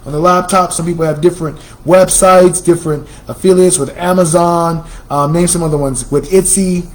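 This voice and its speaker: A chatty American man runs a casual promotional talk for a computer shop. His voice sits fairly high for a man, and he repeats phrases as he pitches deals. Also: fairly even intonation, normal speed, rough recording. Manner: chatty, repetitive, salesy. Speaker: computer store host.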